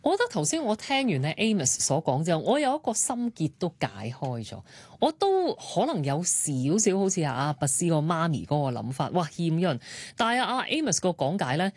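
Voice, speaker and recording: Low-voiced, expressive Hong Kong Cantonese woman. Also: fairly quick, breathy edge, dry recording. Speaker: talk show panellist. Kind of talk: casual discussion.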